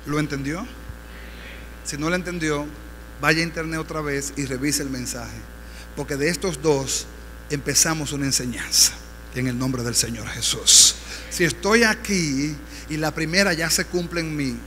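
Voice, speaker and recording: A man's voice: on the high side, sharp tone. A man with a Dominican accent, a pastor preaching a fervent sermon with rising exhortations in a church. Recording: reverberant church hall, faint hum.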